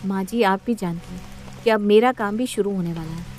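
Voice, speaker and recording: A woman's voice: mid-range voice, moderate pace, a little mellow, soft background music, lightly acted. A woman voicing a hardworking young mother in a cartoon story, firm and earnest.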